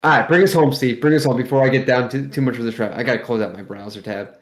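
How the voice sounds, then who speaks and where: A man's voice: mid-range voice, fast. A man co-hosting a podcast in casual chat, talking in a slangy, exclamatory way. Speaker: podcast co-host.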